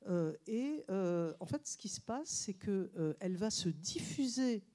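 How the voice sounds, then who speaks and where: A woman journalist speaking on stage to a live audience, hesitant with many fillers and restarts, but lively and joking. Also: medium pitch, measured pace. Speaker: journalist and author on a panel. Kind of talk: public talk to a live audience. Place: stage at a public science event.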